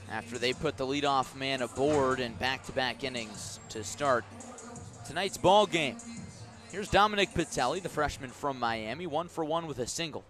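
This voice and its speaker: A man does radio play-by-play of a baseball game, calling pitches with a clearly structured commentator's delivery and drifting into conversation and stories between them.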